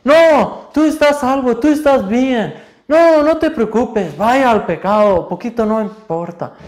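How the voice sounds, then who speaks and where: A man voicing Satan as a loud, high-pitched, accusing male figure in a sermon. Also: expressive. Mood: taunting. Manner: loud, high, rapid taunting. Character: shrill accusing male Satan, taunting and harsh. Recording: roomy echo.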